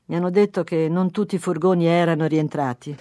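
A woman's voice: fairly low pitch, steady tone, a little fast, dark tone, no room sound, clean studio sound, natural voice. A reader voicing a tired, irritated wife who keeps pressing her husband. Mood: insistent. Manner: nagging, insistent.

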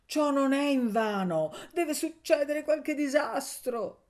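A woman reading an audiobook, voicing a superstitious young village woman with a shrill voice and slow, drawn-out pleading. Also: lively intonation, darkish tone. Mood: fearful. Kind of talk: audiobook character voice.

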